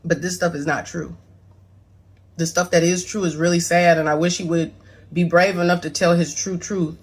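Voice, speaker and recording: A woman's voice: lowish voice, fairly even intonation, normal speed, breathy edge. A woman close to tears in a rambling, profane confessional video monologue, apologizing and defending herself as a mother. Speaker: mother addressing her son's claims.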